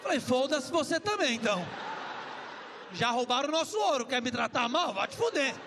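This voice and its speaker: A man's voice: very high-pitched, lively intonation, in a large hall. Brash Brazilian male stand-up comic. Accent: Brazilian Portuguese. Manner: brash, crude, jokey storytelling with quick voice switches. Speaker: stand-up comedian. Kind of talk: stand-up comedy set. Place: comedy club stage with live audience. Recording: stage recording with crowd and room noise.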